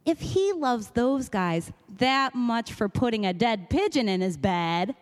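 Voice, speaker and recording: Animated comic woman storyteller. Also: a little high, measured pace. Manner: comic, self-mocking, animated delivery. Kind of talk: live personal storytelling.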